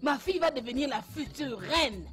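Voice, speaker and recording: An actress dubbing a jubilant mother who keeps loudly praising God over her daughter's engagement. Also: high voice, expressive, normal speed, soft background music. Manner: loud exclamations, praising God. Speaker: mother of the bride-to-be. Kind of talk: dubbed film acting.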